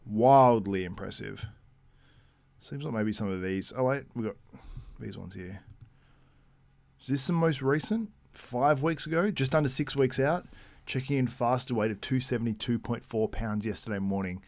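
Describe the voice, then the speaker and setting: A man's voice: mid-range voice, normal speed, no room sound. A man hosting a casual live-stream, chatting loosely and reading out viewer comments between laughs. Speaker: livestream host.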